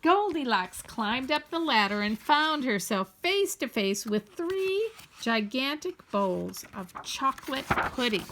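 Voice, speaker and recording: A woman reading a children's story aloud in an expressive, playfully wry and deliberate way. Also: high voice. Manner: playfully wry, deliberate, addresses young listeners. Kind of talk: animated storybook read-aloud.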